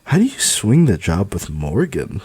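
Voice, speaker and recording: A man's voice: deep voice, huge pitch swings, normal speed, dark tone, slightly rough, no room sound, exaggerated voice. Man playing a teasing, scheming TV host. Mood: teasing, cheeky. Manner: teasing, sing-song, pushy.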